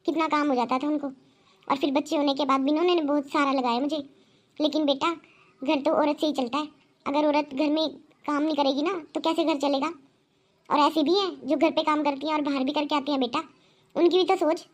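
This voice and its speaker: A woman's voice: high voice, steady tone, a little fast, lightly acted. A woman voicing a firm middle-aged mother in a cartoon, lecturing her daughter at length. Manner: lecturing, scolding. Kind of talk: cartoon voice acting.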